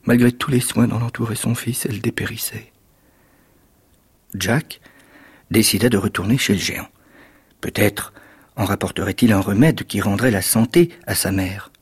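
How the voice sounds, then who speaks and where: A man, an actor, reading a fairy tale aloud in measured, expressive storytelling narration. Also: fairly low pitch, husky.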